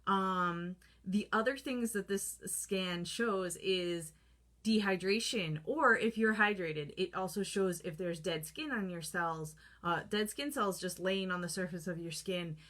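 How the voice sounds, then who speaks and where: A woman's voice: lowish voice, unhurried, fairly bright tone. A woman in her thirties talking casually to the camera about skincare, chatty and full of fillers, acting out her own reactions. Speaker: holistic skincare vlogger. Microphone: camera close up, holding products to the lens.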